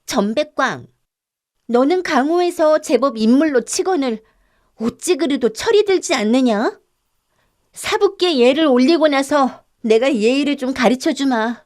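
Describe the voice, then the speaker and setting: A woman reading an audiobook voices a mischievous young girl who teases and shouts commands in a ringing voice. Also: high voice, lively intonation, a little slow, voice pushed up. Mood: bold shouting. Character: bold mischievous young girl, teasing and sharp-tongued.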